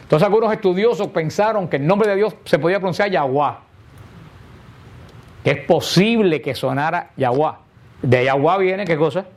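A man's voice: sits high, brisk. A man, a priest, explaining in a sermon and asking and answering his own questions.

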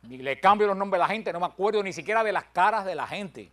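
A man's voice: sits high, lively intonation, fast, a bit bright. An older man teaching a Bible study, counting out his points with emphasis and telling self-deprecating stories with humor.

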